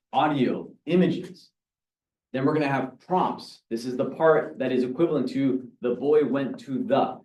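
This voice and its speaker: A man gives a spirited talk to an audience, working through examples and throwing questions to the room. His voice is mellow and warm. The sound is roomy and picked up from some way off the mic. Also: medium pitch. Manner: energetic, explains with examples and asks the audience. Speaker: presenter. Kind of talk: live talk to a meeting audience. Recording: echoey room, mic from far off.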